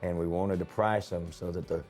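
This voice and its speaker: A low-pitched man with a dark, mellow voice, spinning folksy stories about his shop. He rambles through anecdotes and acts out the dialogue as he goes. Faint music plays underneath. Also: fairly even intonation, normal speed. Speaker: store owner. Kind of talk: casual interview storytelling.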